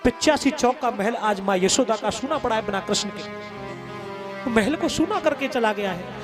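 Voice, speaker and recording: A male storyteller narrates a devotional tale in an impassioned, rhythmic manner, repeating his phrases. His voice is very high. Instrumental music plays clearly behind him. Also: lively intonation, moderate pace. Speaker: religious storyteller.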